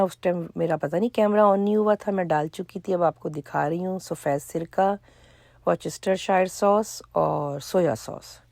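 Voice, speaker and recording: A middle-aged woman, chatting casually in a cooking vlog, hoarse for now and full of chatty asides. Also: lowish voice, warm tone, dry recording. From Pakistan. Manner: chatty, storytelling with asides and quoted dialogue. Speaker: vlogger.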